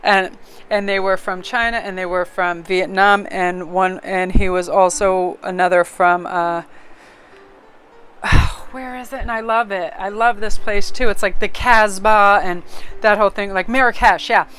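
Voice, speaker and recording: A woman's voice: mid-range voice, fairly even intonation, a little slow, a bit bright, slight background noise. A woman casually reading tarot cards aloud, chatty and rambling, often breaking into laughter. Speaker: tarot card reader.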